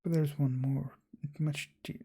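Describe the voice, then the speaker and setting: A man voicing an obsessive young woman nurse in a soft, cooing whispered role-play. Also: a little high, little pitch movement, a little slow, slightly rough. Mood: menacing. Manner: cooing, possessive.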